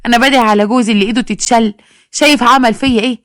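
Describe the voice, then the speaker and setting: A woman voicing a loud, battered Egyptian wife who wails, bargains and drops folk sayings. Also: on the high side, fairly even intonation, rapid-fire, no echo, clean studio sound, pitched above the performer's own voice, lightly acted. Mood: complaining, wailing. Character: battered chatty local wife, loud and complaining.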